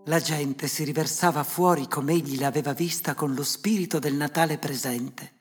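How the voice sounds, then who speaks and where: A narrator reading a classic story aloud in an unhurried, measured way. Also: mid-range voice, steady tone, breathy edge. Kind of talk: audiobook storytelling. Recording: glockenspiel music behind.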